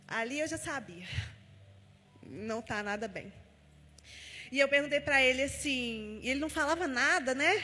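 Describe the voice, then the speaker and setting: A woman's voice: sits high, expressive, moderate pace, pauses often, pushed and bright. A woman giving a personal testimony at a church service, telling her story with heartfelt feeling and often recounting what was said to her. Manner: heartfelt storytelling, retelling conversations. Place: church hall. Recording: long reverb of a large church hall.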